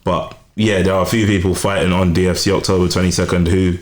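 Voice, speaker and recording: Deep-voiced man, measured podcast host. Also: level tone. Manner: measured, thoughtful questioning. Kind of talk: casual podcast chat.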